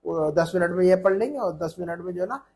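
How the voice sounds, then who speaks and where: A man teaches Arabic in a relaxed online lesson. His voice sits high and a little husky. He explains patiently, circles back over points and keeps checking in with his student. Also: fairly quick. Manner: explains patiently, repeats points, often asks "है ना?".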